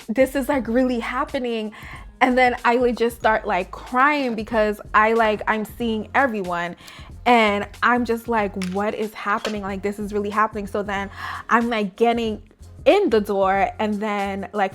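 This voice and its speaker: A woman's voice: on the high side, fairly bright tone. A young woman vlogger chatting casually through a story, full of fillers and acting out her own thoughts. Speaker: beauty vlogger. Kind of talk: casual storytime while doing makeup.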